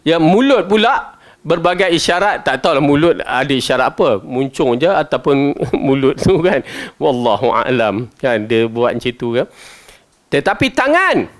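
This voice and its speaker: A man with a Malaysian Malay accent gives a Quran commentary lesson in a high voice. He is chatty and animated, dropping from loud stressed words to quiet asides and putting questions to his listeners. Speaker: religious teacher.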